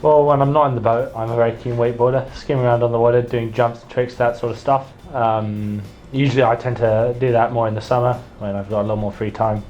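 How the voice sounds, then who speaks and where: A man's voice: medium pitch, fairly even intonation, fairly quick, hardly any pauses, darkish tone, soft background music. An eighteen-year-old man talking in an upbeat, enthusiastic way in an interview. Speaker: junior rowing crew member. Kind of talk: casual interview answers. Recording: slightly dull audio.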